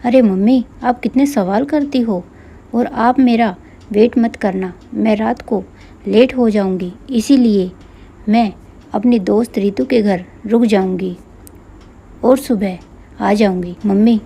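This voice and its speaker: A woman's voice: medium pitch, takes it slowly, gravelly, warm tone, breathy edge, full character voice. A woman voicing a spoiled, carefree young daughter who talks dismissively to her mother, in a storybook reading. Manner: careless, dismissive.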